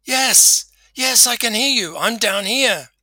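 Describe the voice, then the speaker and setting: A man voicing a panicked man clinging to a cliff branch, yelling and pleading for help. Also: very high voice, drawn-out words, no room sound, pitched above the performer's own voice, full character voice. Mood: frantic yelling.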